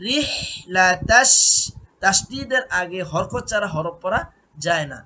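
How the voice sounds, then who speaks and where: A man teaching Quran recitation, drilling syllables with long drawn-out chanting and patiently correcting pronunciation. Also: sits high, animated, bright, forceful tone. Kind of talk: slow recitation lesson. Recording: faint background noise and clicks.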